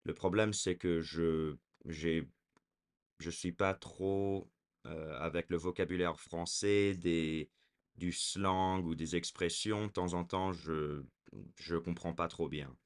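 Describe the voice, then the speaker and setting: A man with a very low voice talks casually to his camera, taking his time. He speaks slowly and hesitantly, stopping often to search for words. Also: steady tone, clear, resonant tone. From born in France, raised in California. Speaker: vlogger.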